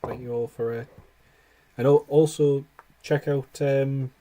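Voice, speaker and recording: A man's voice: medium pitch, fairly even intonation, slow pace, mellow, a little hiss or hum. A man hosting a live stream with casual, chatty commentary.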